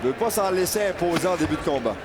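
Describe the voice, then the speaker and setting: A man's voice: high voice, expressive, fast. A man with a Quebec accent calling a boxing match live as play-by-play commentator. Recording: loud arena crowd and background noise. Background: roaring crowd in an arena.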